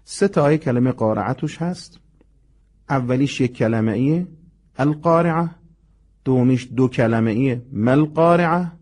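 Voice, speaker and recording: Man, Quran memorization teacher, patient explanations, slow careful pronunciation demos, medium pitch. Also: dark tone. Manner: explains patiently, slowly demonstrates Arabic pronunciation. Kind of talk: recitation lesson.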